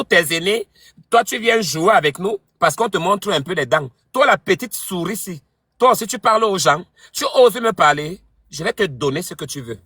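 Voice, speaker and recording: A man's voice: sits high, pushed and bright, husky, dry recording, clean studio sound. A man hosting a live stream, taunting and mocking a rival in a heated argument.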